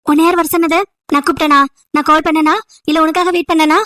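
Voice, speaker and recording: A woman voices an irritated female college student in an amateur audio drama, rattling off sarcastic rhetorical questions as she scolds. She speaks fast, in a high voice with a level tone, sounding annoyed.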